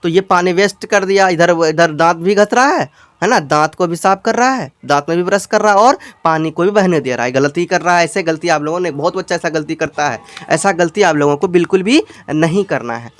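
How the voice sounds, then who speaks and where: Guy with hindi accent teaching english from a kids story, smooth clear voice, dry close mic, reads english slow then explains. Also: on the high side, dry recording. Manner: explains slowly, repeats lines, asks students questions; reads English lines very slowly, word by word. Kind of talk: bilingual English lesson reading a storybook.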